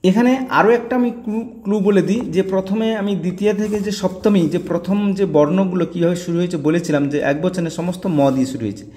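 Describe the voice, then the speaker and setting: A man with a fairly high voice explains a grammar lesson, patiently repeating each word ending as a drill. His voice carries a long reverb, as if recorded in a bare, echoing room. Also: fast, few pauses, mellow. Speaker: teacher.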